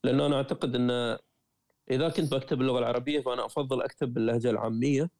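A man with a Gulf Arabic accent from Qatar, a traveler and writer talking as an interview guest, telling stories in a lively way with frequent restarts. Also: mid-range voice, racing, no room sound, clean studio sound. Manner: lively storyteller, frequent self-corrections and restarts. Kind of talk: conversational interview.

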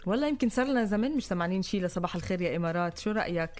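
A woman's voice: lowish voice, expressive, rapid-fire, darkish tone. A woman with a Levantine Arabic accent, co-hosting a morning radio show in a casual, chatty style. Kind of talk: casual banter and interviewing. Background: music.

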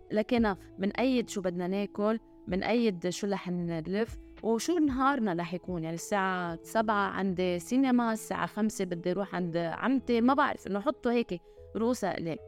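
A woman speaks in Lebanese Arabic-accented speech at a brisk clip, with a medium pitch. She hosts a casual podcast of motivational health advice, slipping in English and French words. Light music is heard along with her voice. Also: darkish tone. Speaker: podcast host.

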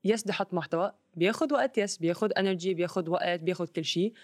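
A woman's voice: lowish voice, very fast, a little mellow, no room sound, studio quality. A woman with a Lebanese Arabic accent who mixes English words into her Arabic, explaining things in a casual, conversational way.

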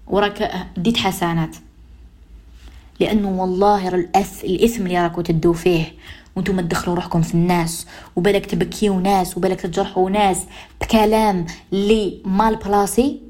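A woman radio host with an Algerian Arabic accent delivers an emphatic, admonishing advice monologue on social behavior, repeating her points. Her voice is medium-pitched with a darkish tone.

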